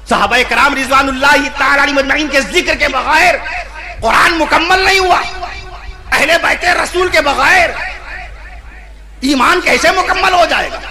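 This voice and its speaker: A man preaching at a religious gathering. He builds long, repeated lists that swell into shouts, then stops to spell out the correct pronunciation of names. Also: very high-pitched, moderate pace, crowd noise. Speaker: Islamic preacher. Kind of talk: impassioned sermon at a religious gathering.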